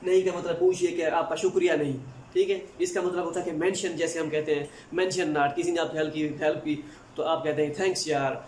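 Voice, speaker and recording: A man with a Pakistani Urdu accent teaching a recorded language lesson, patiently repeating each word slowly, recorded in an echoey room. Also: fairly high pitch, little pitch movement, a little mellow. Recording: echoey room with faint noise.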